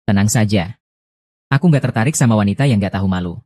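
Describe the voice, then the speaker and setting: A man's voice: fairly low pitch, quick pace, mellow, dry recording, close to an everyday voice. A man dubbing a cold, aloof young male lead in a drama, speaking curtly and with scorn. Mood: dismissive. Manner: curt and scornful. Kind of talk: dubbed drama acting.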